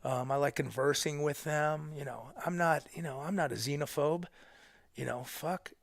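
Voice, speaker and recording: A man's voice: a little high, fairly even intonation, moderate pace, gravelly, dry recording. A man in his thirties, a podcast guest on a headset mic in a living room, telling stories casually, swearing freely and dropping to a whisper for punchlines. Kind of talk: casual conversation. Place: living room, seated on a couch.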